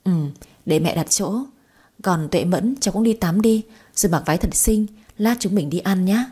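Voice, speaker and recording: A woman's voice: mid-range voice, normal speed, warm tone, husky, lightly acted. A woman voicing a bossy older grandmother who scolds and commands. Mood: coaxing.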